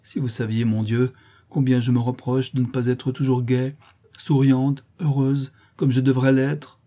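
A man reading an audiobook voices a gentle, tearful young woman, soft and apologetic in her plaintive lines, with a warm, husky voice. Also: mid-range voice, flat delivery, a little slow, close to an everyday voice.

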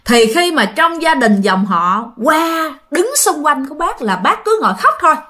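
A woman's voice: high-pitched, very animated, moderate pace, bright, forceful tone. Chatty Southern Vietnamese woman telling ghost stories. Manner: chatty, addresses listeners often, acts out quoted lines. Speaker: ghost story narrator. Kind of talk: casual storytelling to viewers.

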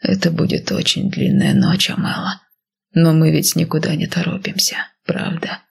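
A woman reading the lines of a possessive, commanding husband in an audiobook, low and half-whispered. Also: level tone, moderate pace, heavily acted. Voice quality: husky, breathy.

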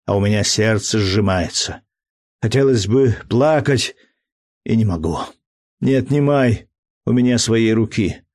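A man reading an audiobook, voicing an earnest, emotional young man deeply in love in a fervent, slow delivery. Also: a little mellow, dry recording, studio quality, lightly acted.

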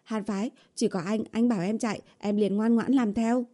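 A woman's voice: on the high side, a little fast, mellow, voice pushed up, natural voice. A woman voicing a whiny young woman who pleads and sweet-talks her boyfriend, read in an audiobook. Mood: coaxing. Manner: pleading, coaxing. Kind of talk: audiobook character voice.

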